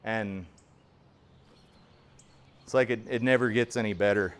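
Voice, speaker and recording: A man's voice: lowish voice, steady tone, unhurried, clean tone. A man in his forties giving casual, rambling, self-deprecating commentary while playing in a home golf simulator. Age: 40s. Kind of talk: casual play-along commentary.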